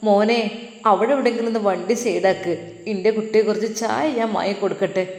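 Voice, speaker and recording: A woman's voice: mid-range voice, fairly even intonation, fairly quick, a little mellow, natural voice. A woman voicing an older father who comforts his daughter tenderly. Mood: caring. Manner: soothing, comforting. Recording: echoey room with long reverb.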